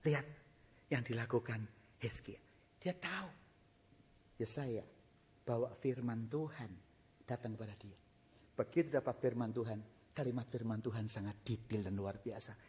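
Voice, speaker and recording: A man preaching a sermon, swinging from quiet low reading to loud shouted appeals, slipping English phrases into his preaching. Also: moderate pace, pauses often.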